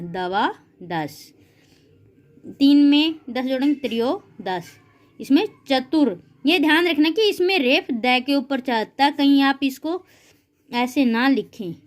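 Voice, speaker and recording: With a high-pitched voice, a woman teaches a class of children, patiently encouraging them. She drills the words slowly and calls her students "beta ji."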